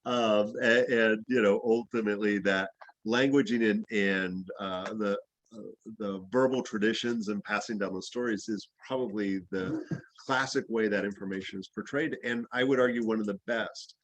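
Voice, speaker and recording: A man's voice: on the low side, steady tone, moderate pace, no echo, rough recording. A man who grew up in the Bahamas, teaching an herbalism class in a loose, rambling, anecdotal way with plenty of fillers. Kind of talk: casual class discussion.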